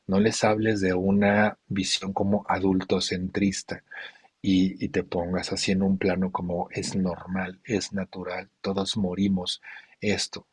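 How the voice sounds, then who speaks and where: A man's voice: deep voice, completely flat delivery, a little slow, breathy edge, no room sound. A man leading a support group session, talking in a teaching way and asking rhetorical questions. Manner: didactic, asks rhetorical questions. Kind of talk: group talk, answering a member.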